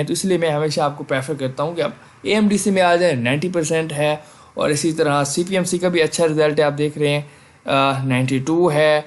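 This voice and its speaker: A man casually explaining medical college exam formats to students, often asking "theek hai" and mixing in English terms. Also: on the high side. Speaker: medical admissions advisor on a video channel.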